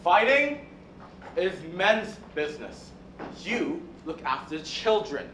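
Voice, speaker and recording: A woman's voice: on the low side, very animated, slow, fairly bright tone, heavily acted. A student actress playing a proud, stubborn old man in a school stage play. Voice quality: defiant, blustering. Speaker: student actor. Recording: echoey hall, faint noise.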